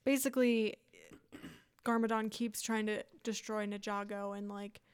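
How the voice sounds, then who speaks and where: A woman's voice: mid-range voice, fairly even intonation, a little slow, smooth. A woman co-hosting a podcast, chatting casually about a movie in a wry, teasing, plain-spoken way. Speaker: podcast co-host.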